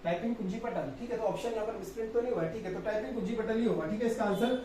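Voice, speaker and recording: A man teaching as an exam coach, going over practice test answers and spelling words out slowly, with a filler he repeats often. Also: sits high, warm tone. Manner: repetitive, drawn-out spelling of words, frequent filler "thik hai". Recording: very echoey room, distant mic, faint noise.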